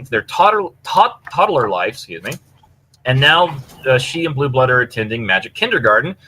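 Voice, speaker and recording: A man co-hosting a podcast reviews stories in an enthusiastic, rambling, casual way, his medium-pitched voice pushed and bright. The recording is rough, coming through a computer mic over push-to-talk online voice chat with noticeable background noise.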